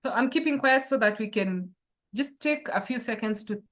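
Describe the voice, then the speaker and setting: Heard over a video call, a life coach with a somewhat high, fairly bright voice leads an online workshop at a moderate pace. She asks her listeners reflective questions.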